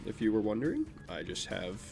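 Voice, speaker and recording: A young man from Vermont, USA, speaks a little fast in a lowish, gravelly, slightly mellow voice that's naturally nasal, with huge swings in pitch. Over game music, he rambles through casual gameplay commentary and chats offhandedly, self-deprecatingly, about his life.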